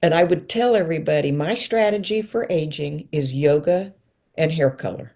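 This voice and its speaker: A woman's voice: normal speed, very noisy. A woman in her sixties, a guest in a casual interview, telling stories and acting out quoted lines with big jumps in her voice. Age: 60s. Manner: lively storyteller, acts out quotes with pitch leaps.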